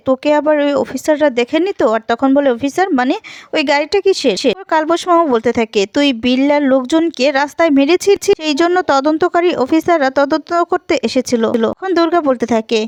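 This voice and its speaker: High-voiced woman retelling a serial's plot. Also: brisk, dry recording. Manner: plainly retells scenes, quoting each character's lines in her own voice. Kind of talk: casual spoken plot retelling.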